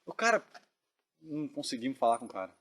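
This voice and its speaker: A man earnestly retelling a dream in casual storytelling, often dropping his voice to a hush. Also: medium pitch, sing-song, fast talker. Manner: earnest, drops to hushed tones when reliving tense moments. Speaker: dream narrator.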